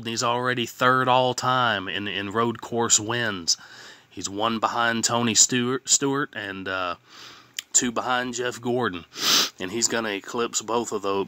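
Bright-voiced man talking with a sore tongue. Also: on the low side, clear, resonant tone, no room sound. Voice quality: slightly impaired speech from a sore, healing tongue. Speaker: host of a fan contest channel. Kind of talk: casual vlog talk, reading standings and chatting to followers.

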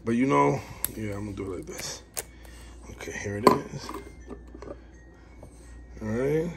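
A man's voice: medium pitch, animated, measured pace, gravelly. Chatty man in a noisy home video. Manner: rambling and chatty, talks while working. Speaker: dog breeder. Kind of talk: casual how-to vlog.

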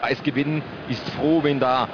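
A man's voice: mid-range voice, steady tone, unhurried. A man commentating on a televised football match, analysing play in short phrases. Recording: muffled broadcast audio over loud stadium noise. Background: stadium crowd noise.

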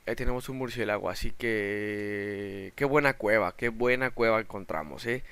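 Excitable gamer guy. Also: lowish voice, normal speed, vocal fry, clean tone, no room sound. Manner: excitable, shouts in panic at sudden dangers. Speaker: gaming channel host. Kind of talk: let's play gameplay commentary.

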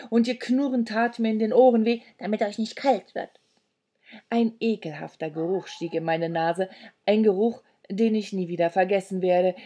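A woman reads a children's story aloud with a husky, breathy tone, leaning into drama and dropping to whispers. The pitch sits in an ordinary middle range for a woman. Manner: dramatic, switching between whispers and shouts. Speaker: children's book author reading aloud. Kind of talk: expressive storybook reading. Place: living room.

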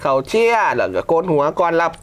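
A man's voice: fairly high pitch, quick pace, clear, resonant tone. Laid-back young man with an Isan accent. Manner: relaxed, laughs often, swears casually. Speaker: film director guest. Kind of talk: casual interview chat.

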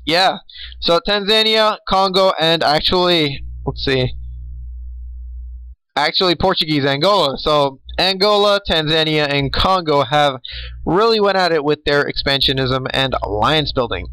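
A man's voice: a little high, animated, measured pace, pushed and bright, smooth, dry recording, low-quality recording. A tired young man hosting a casual recap of an online strategy game, rambling with fillers and small laughs. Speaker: game host.

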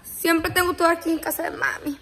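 A woman's voice: very high voice, level tone, fairly quick, fairly bright tone, slight background noise. Chatty woman vlogging her day. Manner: chatty and rambling, drops English words into her Spanish. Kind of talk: casual day-in-the-life vlog. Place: at home and in her car.

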